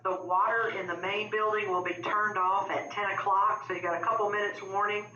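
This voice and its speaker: Woman, school intercom announcement, bright tense voice, dull lo-fi speaker, roomy echo. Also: medium pitch, flat delivery, fairly quick, a little hiss or hum. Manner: brief, casual and informative. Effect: school intercom loudspeaker. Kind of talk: public address announcement. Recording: lo-fi loudspeaker in an echoey classroom.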